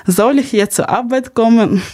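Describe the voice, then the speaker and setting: A young woman from Kharkiv, Ukraine, hosts a podcast and narrates her personal experiences in non-native German with a Ukrainian accent and small grammar slips. Her voice is on the high side and a little mellow, at a normal speed.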